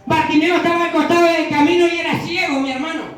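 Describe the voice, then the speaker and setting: Evangelist guy preaching loud and passionate, high voice, big echoey church, far mic. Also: fairly even intonation, fast talker. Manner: passionate, building to shouted exhortations. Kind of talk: fervent sermon. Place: church hall.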